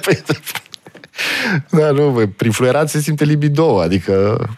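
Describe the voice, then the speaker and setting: A young man from Brașov, Romania, chatting casually as host, joking and laughing, dropping English words. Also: on the high side. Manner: lively, jokey, drops English words, laughs often. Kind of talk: casual chat.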